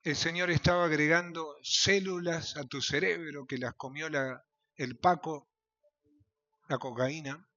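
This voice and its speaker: A man with a Rioplatense Spanish accent preaching a fiery evangelical sermon as pastor, swinging from shouting to low, intense murmurs. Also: fairly even intonation, a little slow. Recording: dull lo-fi sound.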